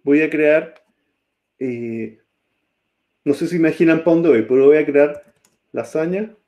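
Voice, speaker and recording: A man teaches a coding lesson at an unhurried, drawn-out pace. His voice sits a little high for a man but sounds soft and mellow. Keyboard clicks come through as he types and keeps checking in with his class. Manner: slow, checks in often with students. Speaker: programming teacher.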